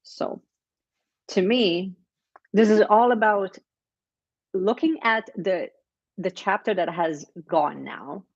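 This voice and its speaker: A woman's voice: medium pitch, takes it slowly, pauses often, slightly rough, dry recording, lo-fi sound. A woman giving a casual weekly tarot reading, chatty and encouraging, with plenty of fillers and restarts. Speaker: tarot reader.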